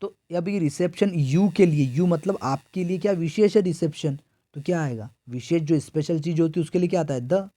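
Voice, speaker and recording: On a recording with no room sound, a man from India speaks briskly in a fairly high, mellow voice. He leads a grammar lesson for exam preparation in a repetitive call-and-response style, asking himself questions, answering them, and saying each answer several times.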